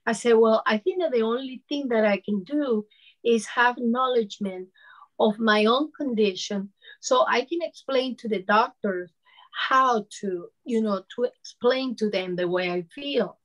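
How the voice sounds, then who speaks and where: On a discussion panel, a Venezuelan woman in her fifties tells her own story conversationally, often slipping in "you know." She has a Venezuelan Spanish accent, and her voice runs on the high side and a little slow. The audio quality is poor.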